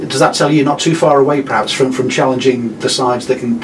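A man's voice: medium pitch, steady tone, quick pace. A man interviewing a player after a match, asking long, rambling questions full of fillers. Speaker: club media interviewer. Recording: distant mic with room noise.

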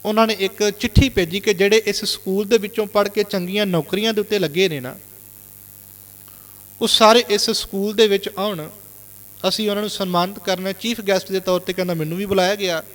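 A man's voice: high voice, fairly even intonation, a little fast, fairly bright tone, big-room sound. A male Sikh preacher from Punjab telling a moral story in a sermon, constantly retelling what others said. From Punjab, India. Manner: retells reported speech with constant "he said" tags.

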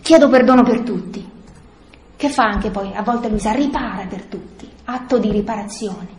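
A woman's voice: medium pitch, moderate pace, darkish tone, slight background noise. Earnest woman teaching in an echoey room. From Italy. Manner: earnest, explanatory, with frequent fillers and restarts. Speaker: speaker leading a prayer group. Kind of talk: spiritual teaching talk.

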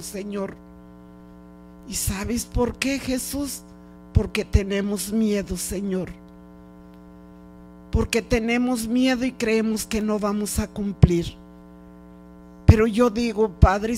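The audio quality is poor, and a mid-range voice leads a fervent, improvised spoken prayer with music playing behind it. The prayer leader pleads in brief phrases that repeat again and again.

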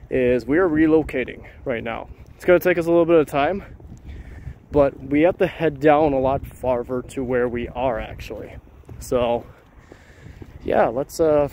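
A man's voice: on the high side, darkish tone, slight background noise. A man talking casually to his viewers as a vlog host, rambling and repeating phrases, recorded outdoors on a handheld camera. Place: outdoors at night on trails and roads.

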